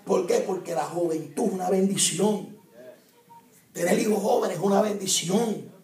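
Evangelist, male, emphatic sermon delivery with a somewhat high voice, caught from a distance in an echoey hall. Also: moderate pace, darkish tone. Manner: emphatic preaching with rhetorical questions to the audience. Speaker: evangelist preacher. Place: church hall at a youth conference. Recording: roomy, distant church hall recording.

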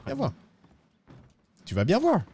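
Heavily acted, this mellow, breathy male voice swings hugely in pitch and takes its time as he stays in character as a penniless, clumsy cowboy in a western roleplay. Using a fake accent, he pleads theatrically with sliding pitch and ends lines with "hein".

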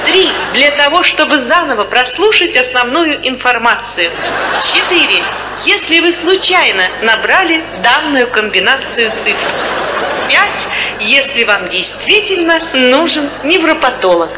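A woman on a comedy stage voicing an automated clinic phone menu that recites options in a measured, even way. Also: high voice, crowd noise. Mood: recited. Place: stage before a live audience. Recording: echoey stage hall, audience noise.

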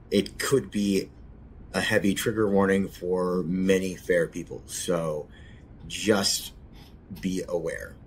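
A man hosting his own show, speaking softly and hesitantly with many pauses and fillers. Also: low voice, a little hiss or hum. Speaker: podcast host. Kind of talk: casual spoken introduction.

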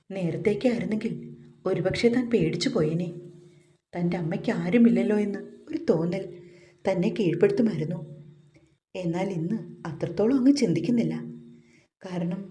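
A woman narrating a scripted romantic story with steady, even storytelling. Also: medium pitch.

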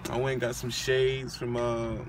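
A man's voice: mid-range voice, completely flat delivery, moderate pace. A young man chatting casually in a parked car, laid-back and boastful, with plenty of slang and swearing. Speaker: vlogger, aspiring trucker. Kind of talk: casual chat. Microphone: phone camera on the dashboard. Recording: outdoor traffic noise in a car.

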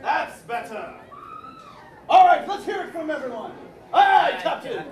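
Woman playing a pirate captain, bossy, theatrical, high voice, far-off mic, echoey hall, audience behind. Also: animated, unhurried, a little mellow, a faint crowd. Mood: drilling recruits. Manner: booming, theatrical, teasing the audience. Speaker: stage actor. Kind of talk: live interactive theatre. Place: indoor theatre, live audience.

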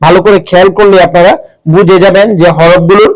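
A man with a fairly high voice gives a reading lesson, explaining pronunciation rules step by step. He stretches out each example word slowly to demonstrate it and fills his pauses with "ah". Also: fairly even intonation, poor audio. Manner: slow, drawn-out demonstration of pronunciations with frequent "ah" fillers. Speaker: Quran reading teacher.

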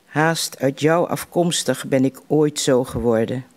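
A man reciting poems in a slow, measured way, with deliberate pauses between lines. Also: medium pitch. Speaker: poetry reciter at a literary evening.

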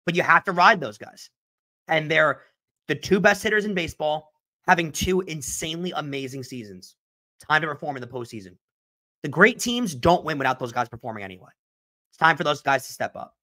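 A young man hosting a solo sports podcast, answering listener questions in an animated, emphatic way and repeating his points. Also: a little high, a little fast. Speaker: podcast host.

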